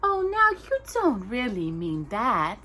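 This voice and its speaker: A woman's voice: medium pitch, huge pitch swings, slow, sharp tone, slight background noise, voice pushed up, exaggerated voice. Woman voicing a singsong, scatterbrained old Fairy Godmother. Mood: gentle. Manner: singsong, fussing and coaxing.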